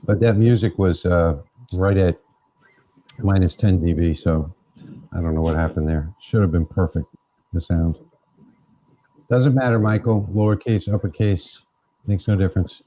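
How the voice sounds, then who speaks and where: Chill lowish guy hosting a workshop livestream, chatty, kinda dull muffled audio. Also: steady tone, normal speed, long pauses. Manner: laid-back, chatty, thinks aloud. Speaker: livestream host. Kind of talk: casual livestream chat. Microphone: wireless clip-on mic.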